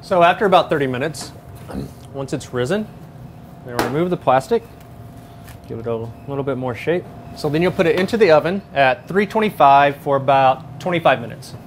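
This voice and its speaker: A medium-pitched man in his thirties talks at a normal speed as he shows how to make recipes in a large professional kitchen. Background noise comes through his lapel mic, while his step-by-step guidance remains steady.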